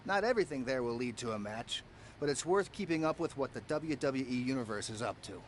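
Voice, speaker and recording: In this video game dialogue, an actor plays a friendly veteran cameraman, an older man who mentors a newcomer and patiently explains things in an advising mood. The voice is medium-pitched, brisk and lively in intonation, close to an everyday voice, with a little hiss or hum.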